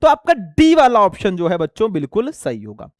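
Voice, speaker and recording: A young man teaching an exam lesson loudly, almost shouting as he goes through multiple-choice questions and calls the students kids and brothers. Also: high voice, wildly swooping pitch, normal speed, no echo, clean studio sound. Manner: loud, near-shouting delivery; addresses students as bachelon and bhaiya.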